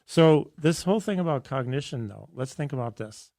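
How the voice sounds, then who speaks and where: A man hosting a health radio show in a studio, talking in a casual, enthusiastic and rambling way with a hoarse, raspy voice. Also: medium pitch, animated, moderate pace, a little mellow, no room sound.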